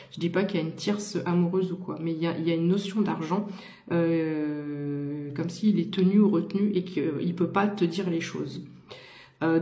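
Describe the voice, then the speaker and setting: A woman's voice: lowish voice, dark tone, reverberant. A woman giving a casual tarot reading to the viewer, talking with many fillers and restarts. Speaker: tarot card reader.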